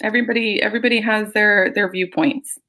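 Relaxed woman co-hosting a chat. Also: mid-range voice, fast talker. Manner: relaxed, chatty, with frequent fillers. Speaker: co-host. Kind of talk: casual livestream chat.

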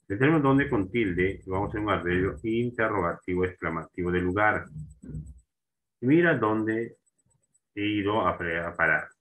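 A man's voice: fairly low pitch, fairly bright tone, poor audio. A man teaching a grammar lesson, repeating terms and checking in with his students as he goes. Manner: slow and repetitive, restarting words and asking for agreement.

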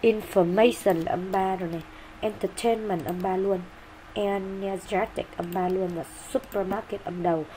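Brisk woman explaining exam answers. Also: mid-range voice, steady tone, dark tone, slight background noise. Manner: brisk, explanatory, frequent fillers. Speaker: English teacher.

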